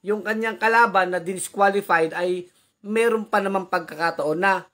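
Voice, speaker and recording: A man's voice: high-pitched, normal speed, fairly bright tone. A man hosting a casual live commentary vlog, reading out viewer comments with chatty, teasing asides, frequent tag questions and easy chuckles.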